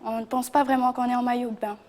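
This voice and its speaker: A young woman from New Caledonia, a reigning pageant winner, answering interview questions in a modest, halting way. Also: a little high, little pitch movement, a little mellow. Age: young adult. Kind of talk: talk show interview.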